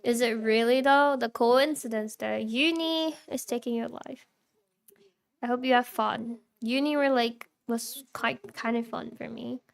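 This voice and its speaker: A woman's voice: a little high, fairly even intonation, a little slow, creaky. A young woman streaming live, chatting casually with her viewers, reacting and laughing often while answering chat.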